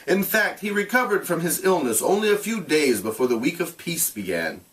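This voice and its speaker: In a somewhat high voice recorded on a distant mic, a man reads aloud like a teacher. His narration is expressive, deliberate and explanatory.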